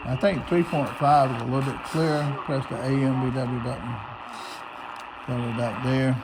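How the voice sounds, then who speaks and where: Shortwave static and a noisy broadcast fill the background as a man from the United States walks through a receiver demo step by step. He's a radio hobbyist speaking casually and off the cuff, with a steady, mid-range voice at a moderate pace.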